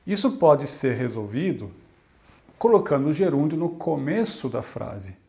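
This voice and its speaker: A man, teaching in a scripted video lesson. His voice sits a bit high for a man. He talks clearly and deliberately, slowing down to model each word. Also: sing-song, warm tone. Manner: clear, deliberate, slows down to model Italian words. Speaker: Italian language teacher.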